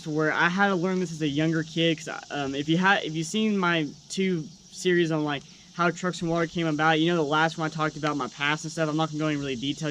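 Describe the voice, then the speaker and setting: A man's voice: on the high side, fairly bright tone, a little hiss or hum. A young man talking casually and earnestly to his viewers as a vlogger, encouraging them in unscripted speech. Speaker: YouTube truck vlogger.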